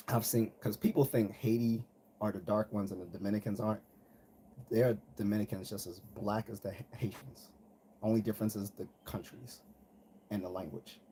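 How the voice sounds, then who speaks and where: An American man from the United States hosts a live commentary stream, his voice fairly low and dark in tone. He delivers a casual, blunt, conversational monologue sprinkled with slang and mimics the people he quotes. Noticeable background noise runs through the recording.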